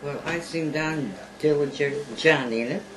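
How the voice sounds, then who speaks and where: A woman in her nineties, interviewed on home video at a family gathering, telling an old memory in a plain, halting way with repeated words. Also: deep voice, background noise. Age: 90s. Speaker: eyewitness being interviewed.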